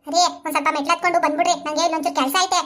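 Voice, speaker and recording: A woman's voice: extremely high pitch, steady tone, very fast, a bit bright. Woman voicing a flustered young cartoon wife. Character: young wife torn between husband and mother. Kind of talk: animated comedy cartoon voice.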